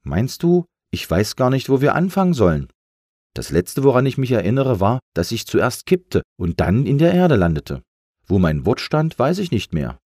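A man's voice: medium pitch, huge pitch swings, moderate pace, a little mellow, no room sound, studio quality, voice pushed up. A man voicing a big talking letter A, fretful and complaining, in a storybook. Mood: worried. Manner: worried, complaining.

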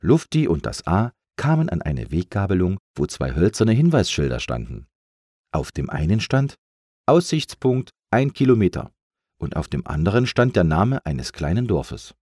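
Brief: male storybook narrator, dry close sound, animated delivery. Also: sits low, normal speed, slightly rough, dry recording. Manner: expressive storytelling. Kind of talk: children's story reading.

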